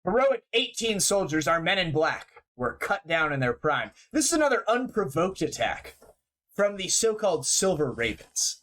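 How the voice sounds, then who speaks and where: A smug, pompous male news anchor, put on by a man with a bright, lifted voice that rolls through a practiced broadcast cadence. The pitch swings widely as each phrase is played up. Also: big pitch swings, moderate pace, low-quality recording.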